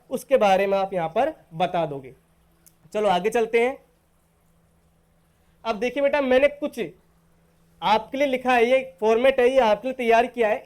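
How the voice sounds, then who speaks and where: A man from Rajasthan teaching spoken English in a recorded online lesson. He is patient, calls his students "beta" and says the English model phrases slowly. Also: very high-pitched, a little mellow, clean tone. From Rajasthan, India.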